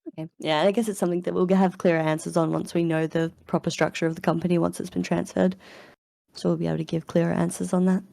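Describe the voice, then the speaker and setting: A woman with a lowish, creaky, mellow voice talks fast in a flat delivery, recorded dry through a headset or computer mic. She's a community manager hosting a casual live voice-chat AMA, upbeat and chatty in her morning voice, with fillers and frequent laughs.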